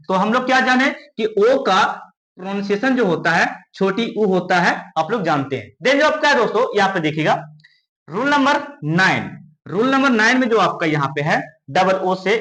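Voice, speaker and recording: A man teaching English pronunciation in Hindi at a board. He asks a question and answers it himself, drawing words out slowly. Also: high-pitched, sharp tone, roomy sound. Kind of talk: classroom lesson at a board.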